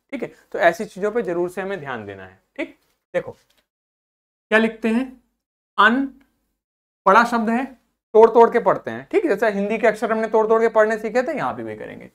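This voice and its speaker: Guy teaching english vocab to school kids, hindi and english mixed, says each word slowly over and over, keeps asking "theek hai?". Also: high-pitched, a bit bright. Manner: drills words syllable by syllable, repeating each several times; peppers speech with "theek hai" checks to the class. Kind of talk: classroom lesson for school students.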